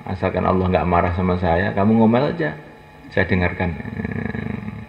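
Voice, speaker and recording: A man delivers a folksy sermon, slipping into short acted dialogues and joking with his listeners. His voice sits low with a gravelly edge. The recording is dull and lo-fi, with a long echo from a large hall. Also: moderate pace. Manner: folksy, humorous, voices imagined dialogue, calls listeners to stand. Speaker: preacher. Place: mosque gathering. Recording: echoey hall, lo-fi, faint noise.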